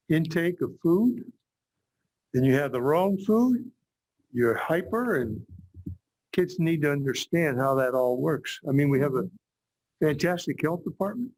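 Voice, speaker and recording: A man's voice: a little high, a little mellow, no room sound. A man chairing a school board meeting, plainspoken and rambling. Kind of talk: meeting discussion.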